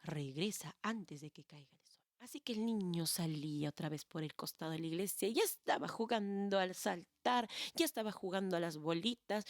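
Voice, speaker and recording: A woman's voice: mid-range voice, dry recording, clean studio sound. A Peruvian woman storyteller telling a tale expressively. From Peru. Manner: expressive, animated narration. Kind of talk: oral storytelling.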